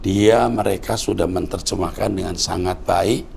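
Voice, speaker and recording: A gravelly, low-voiced man in his sixties teaches like a pastor, lecturing in a fatherly tone and often addressing his listener as a child. A faint hiss sits under his speech. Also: steady tone, normal speed, darkish tone. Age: 60s. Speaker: pastor answering viewer questions. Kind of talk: conversational teaching.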